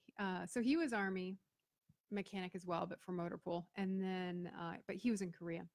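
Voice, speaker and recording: Speaking at normal speed in a fairly low, steady, darkish voice, a middle-aged woman from Florida chats as a guest in a relaxed storytelling interview. She runs a business and is a veteran, and she performs the voices of the people she quotes. There's no room sound.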